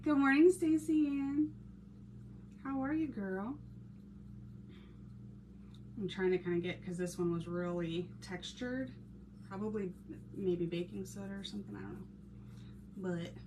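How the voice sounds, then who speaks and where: Chatty Texan woman crafting live. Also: fairly low pitch. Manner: chatty, laughs often, greets viewers by name. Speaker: craft channel host reading live chat. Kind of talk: casual live-stream chat while painting. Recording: noisy background hiss.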